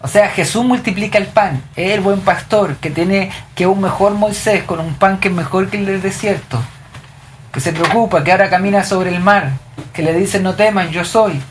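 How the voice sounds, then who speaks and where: A woman's voice: medium pitch, normal speed, a little hiss or hum. A woman leading a group Bible study, explaining scripture and asking the group questions. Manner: asks the group questions, reads verses aloud.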